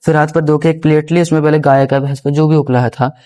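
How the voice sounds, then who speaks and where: A man's voice: fairly high pitch, level tone, fast, warm tone. A young man, a podcast guest, earnestly telling a personal story in a rambling, respectful way, often calling the host guruji. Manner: rambling, with restarts and repeated phrases. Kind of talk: casual first-person storytelling.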